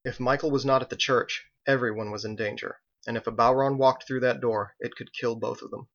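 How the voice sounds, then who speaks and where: Male narrator, audiobook, measured, gravelly, dull lo-fi sound. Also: medium pitch, fairly even intonation, fairly bright tone. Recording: dull, slightly lo-fi recording.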